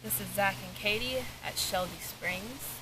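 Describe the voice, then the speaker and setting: Woman solemnly talking to a ghost, noisy recording. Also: medium pitch. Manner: measured, formal, pausing between short questions. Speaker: paranormal investigator leading an EVP session. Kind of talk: talking to a ghost, slow solemn questions addressed to spirits. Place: outdoors in a cemetery. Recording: noisy outdoor field recording.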